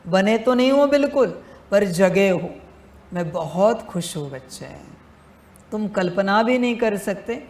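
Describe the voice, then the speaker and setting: A male spiritual teacher giving a devotional discourse, speaking deliberately and repeating phrases for emphasis, addressing listeners fatherly as his children. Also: high-pitched, echoey room.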